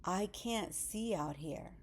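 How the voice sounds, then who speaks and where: A woman reading the lines of a worried mother who presses for answers, in a slow storybook reading. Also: medium pitch, a little hiss or hum, natural voice. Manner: pleading, pressing. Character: worried anxious mother searching for daughter.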